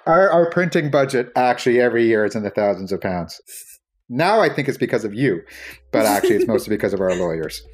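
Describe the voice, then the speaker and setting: A woman's voice: very deep voice, animated, fast talker, darkish tone, a little hiss or hum. A woman co-hosting a casual chat, reading answers aloud and adding dry amused remarks. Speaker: podcast co-host.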